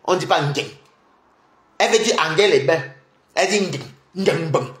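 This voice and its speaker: A man doing mocking gossip commentary on a live stream, animated and scornful, often repeating words. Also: on the high side, normal speed. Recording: roomy echo.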